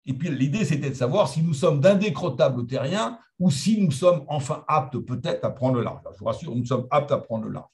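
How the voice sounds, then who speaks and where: Animated French man giving a lecture. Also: fairly high pitch, fairly quick, hardly any pauses. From France. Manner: animated, conversational lecturing with asides and humor. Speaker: guest speaker. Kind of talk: lecture to historians.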